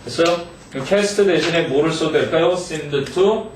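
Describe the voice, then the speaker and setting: A man teaching English to high school students, reading English phrases slowly and checking in with the class. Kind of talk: exam-prep lecture. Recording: echoey room, mic far off, faint noise.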